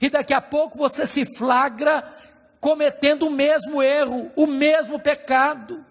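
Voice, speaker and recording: A middle-aged Brazilian man preaching a sermon, with emphatic, slowly stressed phrases and repeated rhetorical questions. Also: very high voice, steady tone. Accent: Brazilian Portuguese. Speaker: pastor. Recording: long hall reverb.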